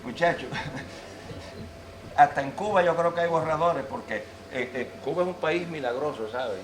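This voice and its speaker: A man from Venezuela giving an animated, humorous lecture in a church and speaking to the audience. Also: a little high, normal speed, noisy background. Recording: roomy church echo.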